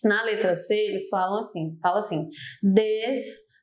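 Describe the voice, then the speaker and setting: Her mid-range voice moves at a normal speed as this young adult Brazilian woman, with a Brazilian Portuguese accent, leads an exam-prep grammar lesson. She goes through the material step by step, regularly turning to her students.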